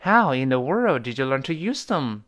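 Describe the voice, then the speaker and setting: A man's voice: medium pitch, big pitch swings, moderate pace, a bit bright, lo-fi sound. A middle-aged man, a native Chinese speaker, teaching a spoken English lesson and repeating phrases for drill.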